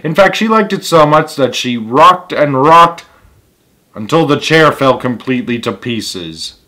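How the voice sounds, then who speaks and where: A man's voice: medium pitch, expressive, a little slow, bright, forceful tone. A man reading a children's story aloud as its host, with emphatic delivery and casual asides.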